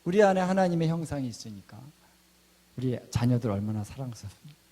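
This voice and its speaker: A middle-aged man, a pastor, giving a sermon with a personal testimony, telling stories and acting out quoted prayers in a hushed voice. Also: mid-range voice, animated, fast talker.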